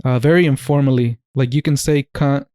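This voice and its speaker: A man's voice: medium pitch, fairly even intonation, fairly quick, dark tone, clear, resonant tone, no echo, studio quality. A man co-hosting a podcast in casual chat, joking, laughing often and swearing freely. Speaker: podcast co-host.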